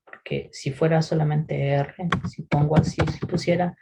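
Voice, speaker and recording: A man teaching English pronunciation in a recorded lesson, patiently explaining and often checking in with a quick "¿sí?". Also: fairly high pitch, little pitch movement, gravelly, heavy background noise. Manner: models English words slowly for repetition.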